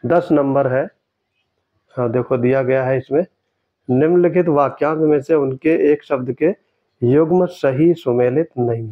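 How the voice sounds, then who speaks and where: A man tutoring for an exam, going through test answers in a steady way and repeating each key word for emphasis. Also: mid-range voice, narrow, tinny audio.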